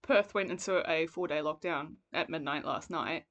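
A woman's voice: low voice, moderate pace, fairly bright tone. A woman co-hosting a casual book podcast, talking informally with a wry, self-dramatising manner. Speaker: podcast co-host.

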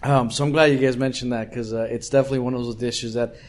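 Man, interviewer, mid pitch, rambling casual questions, small restaurant. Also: steady tone, quick pace. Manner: rambling and friendly, many restarts.

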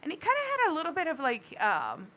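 Chatty higher-voiced woman co-host. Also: huge pitch swings, quick pace, fairly bright tone. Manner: chatty, laughs often, trails off and restarts. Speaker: podcast co-host. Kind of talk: casual chat. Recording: faint background noise.

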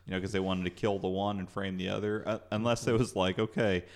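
A man's voice: low-pitched, level tone, fast talker. A man co-hosting a podcast in casual chat, laughing often and hedging with "you know" and "I guess". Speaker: podcast co-host.

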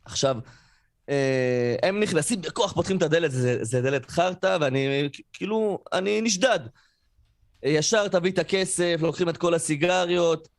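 A man's voice: a little high, no room sound, clean studio sound. A man telling a story on a podcast. He talks casually and fills it with fillers, and he acts out the people he quotes. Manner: animated, acts out quoted voices, frequent fillers. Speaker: podcast co-host.

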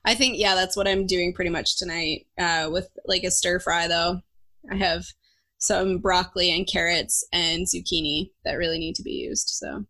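A woman's voice: fairly low pitch, steady tone, normal speed, pushed and bright, low-quality recording. A woman chatting casually as the host of a podcast. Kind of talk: casual chat.

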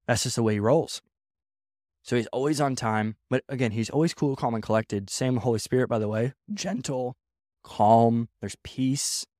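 A man's voice: mid-range voice, darkish tone, no echo, studio quality. A man speaking as a pastor, giving a casual sermon-style talk on leadership, repeating phrases and acting out quoted voices.

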